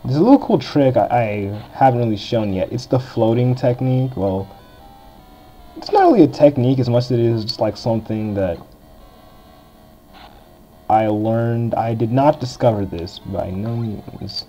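Over faint game music in a dull lo-fi recording, a young game walkthrough host with a deep voice gives casual let's-play commentary. He sounds animated and warm at a moderate pace, rambling chattily and using lots of filler.

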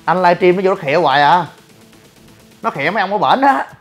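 A man's voice: high-pitched, fast talker, faint music behind. Brash man ranting. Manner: brash, blunt, lively and rambling. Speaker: gym owner and online personality. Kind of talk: casual livestream monologue.

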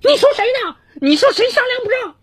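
Man playing a loud combative mother, shrill high falsetto, swooping pitch. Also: sing-song, fairly quick, no echo. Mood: angry.

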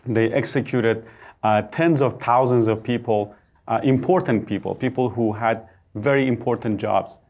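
A man's voice: medium pitch, normal speed, darkish tone. A man in his thirties from Iran, with a Persian accent, speaking earnestly as a studio guest with many hesitations. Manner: earnest, with frequent "uh" fillers. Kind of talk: interview testimony. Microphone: lapel mic.

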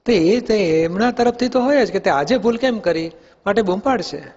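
A high-pitched, slightly mellow male voice with lively intonation, at normal speed, belongs to a spiritual teacher guiding a question-and-answer discourse for youth. He questions the young people patiently and uses everyday examples. The sound is dull, in an echoey hall.

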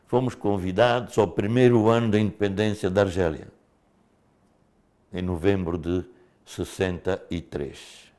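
An older man from Mozambique, a former liberation fighter, telling his story in a studio interview with animated delivery and frequent casual fillers. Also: fairly low pitch.

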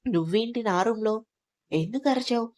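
A woman voicing a flustered young man who apologizes in a hurried way, a little softer than her narration. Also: on the high side, lightly acted.

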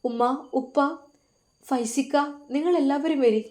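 A woman voicing a stubborn young daughter who pleads softly while crying. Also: high-pitched, a little slow, voice pushed up. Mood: tearful. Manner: soft, pleading. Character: young daughter leaving home, tearful and stubborn.

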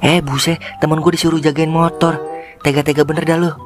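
A brash, quick-talking groom, played by a man in a cartoon drama, his voice a little high. Clear guitar music plays under him. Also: flat delivery, natural voice. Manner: brash, teasing, fast-talking. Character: newly married man, loyal to his best friend.

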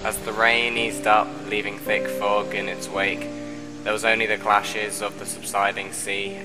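A young man reciting his own spoken-word epic in a measured, rhythmic way, with a recurring refrain. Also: on the low side, level tone. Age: young adult. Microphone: close mic, audio overdubbed. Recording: voice over loud backing music. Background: loud music bed.

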